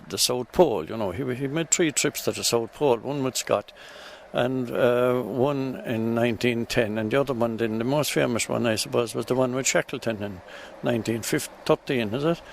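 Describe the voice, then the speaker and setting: An Irish man from Kerry with a Kerry accent, talking in a halting way with many ums and restarts in a casual interview outdoors by a river. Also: medium pitch, animated, vocal fry, slight background noise. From Tralee, County Kerry, Ireland. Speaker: local interviewee. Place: outdoors beside a river in a village.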